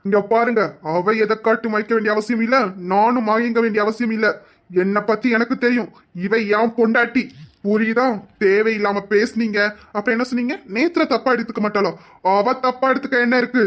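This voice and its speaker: Someone doing a young guy standing up for his wife, stern, lots of warnings, middle pitch. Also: fairly even intonation, brisk, close to an everyday voice. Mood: angry. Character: furious young husband defending his wife. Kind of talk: amateur Tamil audio drama.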